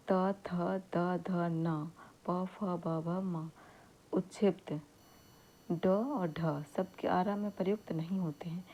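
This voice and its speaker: A woman teaching an exam-prep grammar lesson, saying each example word slowly and then repeating it. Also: fairly low pitch, dull audio.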